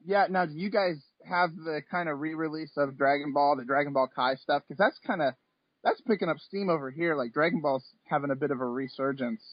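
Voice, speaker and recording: Speaking briskly in a voice on the high side, a comic and anime artist in his thirties rambles hesitantly and casually as an interview guest. He's on a remote call from home, and the lo-fi audio sounds slightly dull but has no echo.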